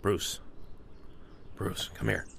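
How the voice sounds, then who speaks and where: A man's voice: drawn-out words, a bit bright. A man playing an earnest, commanding police captain in a radio noir drama. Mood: urgent, steadying.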